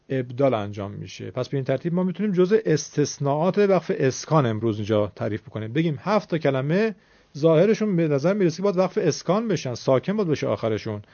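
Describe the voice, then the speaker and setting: A man's voice: fairly high pitch, a little mellow, dry recording. A man teaching a recitation lesson, explaining the rules patiently and repeating words so learners can follow. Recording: dull lo-fi sound.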